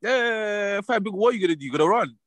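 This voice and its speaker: A man's voice: sits high, lively intonation, fast talker, a bit bright, no echo. A young man with a London roadman accent, bantering casually in street slang and insisting on his points by repeating himself.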